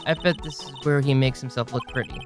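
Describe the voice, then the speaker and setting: A woman's voice: extremely low pitch, steady tone, quick pace, faint music behind. Phoenix Wright, a woman voicing a wry young lawyer. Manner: dry and sarcastic. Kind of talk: amateur video game fan dub.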